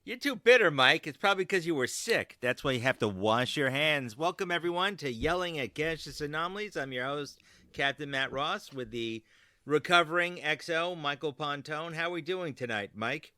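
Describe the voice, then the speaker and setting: A man hosting a podcast in casual chat, talkative and quick to laugh. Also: on the high side, lively intonation, pushed and bright, no room sound. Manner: chatty, laughs often. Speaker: podcast host.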